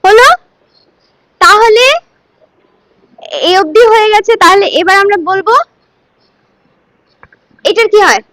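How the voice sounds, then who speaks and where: A woman's voice: very high voice, slow pace, long pauses, fairly bright tone, no echo, low-quality recording. A woman teaching Sanskrit verse pronunciation syllable by syllable, coaxing her students to repeat after her. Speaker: Gita recitation teacher. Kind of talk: line-by-line Sanskrit pronunciation lesson.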